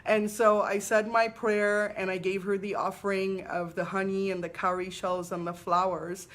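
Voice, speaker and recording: A woman, a spiritual teacher hosting a live weekly talk, telling stories in an unhurried, reverent way. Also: mid-range voice, flat delivery, a bit bright. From Trinidad and Tobago. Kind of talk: live-streamed personal talk.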